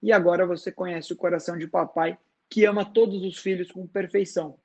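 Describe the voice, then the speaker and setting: A man voicing a calm, wise woman who speaks softly, slowly and firmly, in a dramatized book reading. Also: high-pitched. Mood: soft, tender. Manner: soft, slow and firm.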